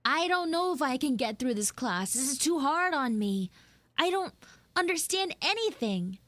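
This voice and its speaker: A VTuber livestreamer does improvised audio roleplay, chatting in character as a flustered tomboy tsundere schoolgirl who is dramatically, whinily exasperated. Her voice is high and very animated, bright-toned, at a normal speed. The recording is dry.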